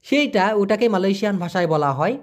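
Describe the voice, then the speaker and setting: A man's voice: sits high, animated, fairly quick. Guy teaching words, chatty and repetitive, voice goes up and down a lot. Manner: explains each word with everyday examples, repeats terms; colloquial, chatty. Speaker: language teacher. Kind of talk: casual vocabulary lesson.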